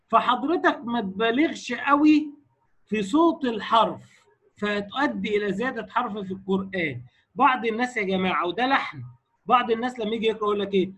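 A man with an Egyptian Arabic accent teaching Quran recitation rules to a class. He keeps asking the class quick questions and sounds out his examples slowly. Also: sits high, fairly bright tone, husky, low-quality recording. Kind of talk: recorded lecture on recitation rules.

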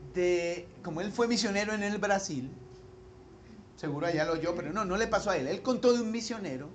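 A man preaches a sermon to his congregation, his voice pitched notably high. He swells into loud emphatic peaks and keeps checking that he is understood. A faint hiss sits under the recording. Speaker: pastor.

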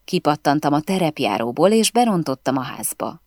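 Low-voiced woman narrating an audiobook. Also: dry recording, studio quality. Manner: expressive, storytelling delivery. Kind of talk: first-person audiobook narration.

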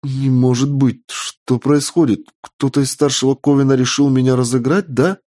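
Мужчина в роли юной ведьмочки. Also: male voice, mid-range voice, steady tone, normal speed, mellow, dry recording, studio quality, pitched above the performer's own voice, lightly acted. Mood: frightened. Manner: curious, then easily frightened. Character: young nervous witch girl.

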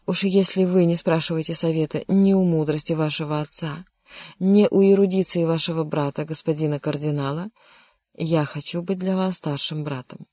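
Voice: mid-range voice, fairly even intonation, normal speed, no room sound, studio quality, lightly acted. A reader voicing a kindly but insistent older king in an audiobook, coaxing and at times vexed. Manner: warm, coaxing, sometimes vexed. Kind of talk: audiobook character reading.

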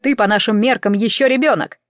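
A fussy, excitable male elf priest who lectures and exclaims in a lifted, loud voice, as a woman reads him in an audiobook. The sound is close and dry, with no room around it. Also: a little high, a little fast, dry recording, lightly acted. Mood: lecturing. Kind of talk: audiobook character reading.

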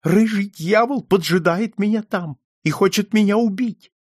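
A man's voice: a little slow, dry recording, clean studio sound. A man voicing a frail, paranoid old man who is terrified and suspicious of everyone, in an audiobook reading. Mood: fearful. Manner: shrill, pleading, frantic.

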